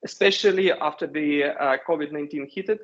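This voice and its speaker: A man in his thirties from Ukraine with a Ukrainian accent, a company founder giving measured interview answers with frequent hesitations. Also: fairly high pitch, a bit bright. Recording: dull lo-fi sound.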